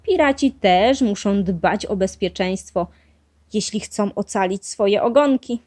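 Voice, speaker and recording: A woman reading a children's storybook aloud, voicing an eager, brave little boy mouse with excited exclamations. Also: medium pitch, measured pace, close to an everyday voice. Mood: cheerful.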